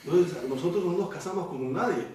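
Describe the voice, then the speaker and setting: A man's voice: high voice, brisk, dark tone, slight background noise. A man preaching a Bible study sermon, explaining verses and checking in with his listeners with frequent rhetorical questions. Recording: echoey room, voice from a distance.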